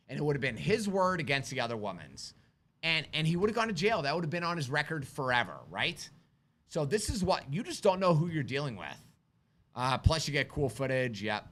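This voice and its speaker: A man's voice: fairly high pitch, bright, forceful tone. A man who teaches firearms, hosting a casual live stream, telling stories animatedly, asking rhetorical questions and chatting with his kids. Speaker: firearms instructor and livestream host. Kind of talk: live-stream chat answering viewer questions.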